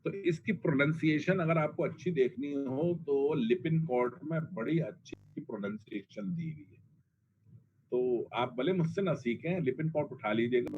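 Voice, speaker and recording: A man's voice: mid-range voice, a little mellow. A man giving a pharmacology lecture, blunt and colloquial, repeating drug names for emphasis. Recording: dull lo-fi classroom recording, faint noise.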